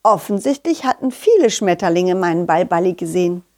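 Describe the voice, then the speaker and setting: A woman telling a children's story in the first person, lively and expressive, sometimes restarting her words. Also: fairly low pitch, fairly quick.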